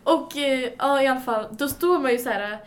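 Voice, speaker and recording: A young woman telling a story in casual chat, animated and often laughing. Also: high voice.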